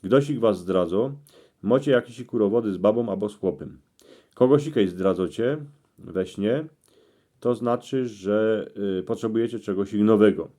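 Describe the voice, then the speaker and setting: A man with a Cieszyn Silesian accent reading out interpretations in dialect, in terse phrases with pauses. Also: on the low side, mellow. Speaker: presenter explaining dream meanings.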